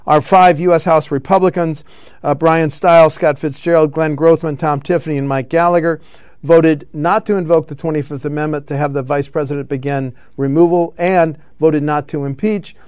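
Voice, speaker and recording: Man, political talk host, smooth resonant voice, slightly high, dry close sound, halting with fillers. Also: fairly even intonation, darkish tone, no room sound. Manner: reads news items with frequent fillers and self-corrections. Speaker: radio show host.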